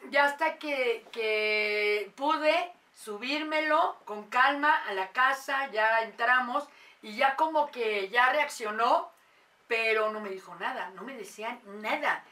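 Bright-voiced woman telling a story. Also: a little high, slow pace, recorded from a distance. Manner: animated, acts out quoted voices. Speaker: mother telling a paranormal story. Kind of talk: casual storytelling.

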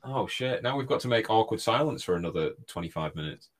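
A man, a guest co-host in casual podcast chat, jokey, swearing and quick to laugh. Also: lowish voice, lively intonation.

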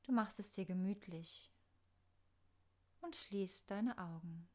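A woman narrating a scripted guided meditation in a soft, soothing, unhurried manner with pauses. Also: mid-range voice.

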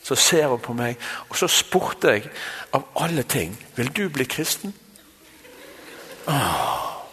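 A man's voice: mid-range voice, very animated, a bit bright, breathy edge. Bergen-accented man preaching in a hall. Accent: Bergen Norwegian. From Bergen, Norway. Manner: storytelling, talks straight to the audience with asides. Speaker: conference speaker. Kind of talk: sermon with personal testimony. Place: large meeting hall. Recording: long hall reverb.

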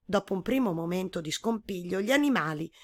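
A woman storyteller reading a children's story aloud in a gentle, measured way. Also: on the low side, lively intonation.

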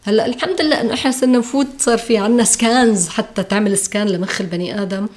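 A woman's voice: fairly high pitch, racing, darkish tone. A woman with a Levantine Arabic accent, a podcast guest in casual, reflective conversation. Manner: reflective, acts out quoted voices.

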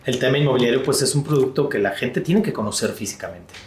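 A man talks through his answers in an interview, pausing on fillers and restarting phrases as he thinks. His voice sits at an ordinary pitch and carries the reverb of a roomy space. A faint background hiss runs under it. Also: darkish tone. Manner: thoughtful, with frequent fillers and restarts. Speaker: real estate sales executive.

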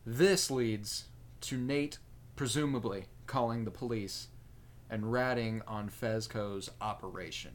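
A man's voice: fairly low pitch, slow pace. A man co-hosting a podcast in casual chat, recapping and analyzing eagerly and asking questions. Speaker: podcast co-host.

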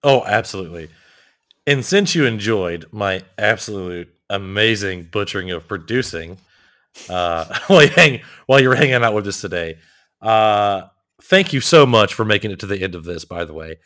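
Low-voiced, self-mocking male podcast co-host. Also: animated, moderate pace, a bit bright. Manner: self-deprecating, laughing, joking. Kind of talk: casual podcast chat.

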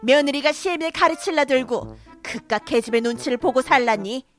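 A woman's voice: sits high, normal speed, natural voice. A woman voicing a domineering older mother-in-law who scolds sharply and favors her grandson, in a cartoon drama. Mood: angry. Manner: scolding, sharp, rising to shouts. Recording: faint background music.

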